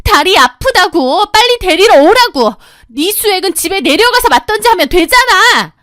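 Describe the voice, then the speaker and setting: A woman voicing a spoiled young sister-in-law who whines and demands in a high, loud voice, in a storybook drama. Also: animated, moderate pace, dry recording, clean studio sound, natural voice. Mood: whiny demanding. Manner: demanding, whining.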